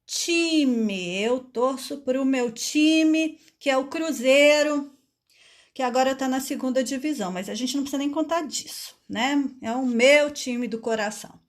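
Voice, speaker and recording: A woman's voice: sits high, moderate pace. A woman teaching adults to read, patiently drawing out syllables one at a time in a phonics lesson.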